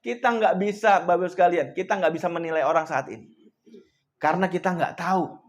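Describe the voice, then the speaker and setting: A man with a notably high voice delivers a motivational speech to an audience. He tells stories, addresses his listeners often, and adds frequent devout exclamations. His delivery swings from soft, almost whispered lines to loud, emphatic bursts. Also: fast. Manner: swings between hushed, soft passages and loud emphatic outbursts. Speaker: motivational coach.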